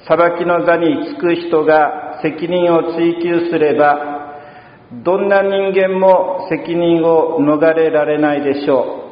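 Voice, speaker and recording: Unhurried priest preaching in a roomy church. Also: male voice, fairly high pitch. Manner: calm, measured preaching with long pauses. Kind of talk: sermon. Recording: dull, roomy church sound from a distance.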